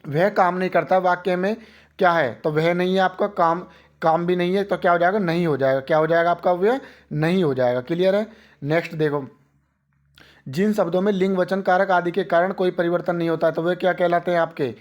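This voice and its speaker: A man's voice: sits high, a little fast. A man teaching an exam-prep grammar lesson, drilling students with repeated rhetorical questions.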